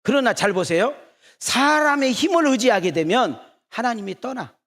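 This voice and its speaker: A middle-aged male pastor preaching in a church, teasing the congregation with rapid rhetorical either-or questions. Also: very high-pitched, expressive, a bit bright. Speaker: senior pastor. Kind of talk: sermon.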